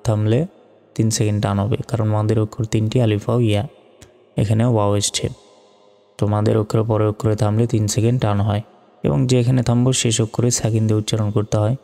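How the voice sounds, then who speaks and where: A man with a Bangladeshi Bengali accent teaching Quran reading, spelling out each letter slowly and methodically. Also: on the low side, flat delivery, creaky, mellow. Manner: slow, methodical letter-by-letter spelling with drawn-out recitation. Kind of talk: spelling-out recitation lesson. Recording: long reverb with faint music.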